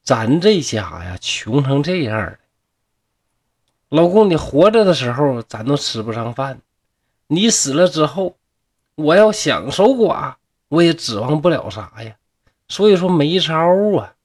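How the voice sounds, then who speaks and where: Resigned poor wife, plain-spoken and sad, Northeastern Mandarin accent, husky tone, as a male storyteller reads her. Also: fairly high pitch, very animated, a little slow, a little mellow. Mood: sorrowful.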